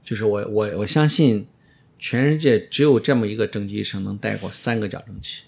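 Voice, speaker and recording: A man's voice: lowish voice, fairly even intonation, a little fast, vocal fry, darkish tone. A middle-aged man, an orthodontist being interviewed, explaining casually and emphatically, often repeating his phrases. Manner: emphatic, repeats phrases, drops in English words.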